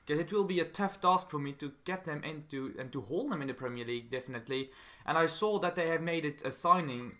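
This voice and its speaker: This gaming channel host is a young man from Belgium whose accent comes through clearly. His casual English commentary is halting and non-native, full of repeated phrases, delivered in a somewhat high, slightly bright voice.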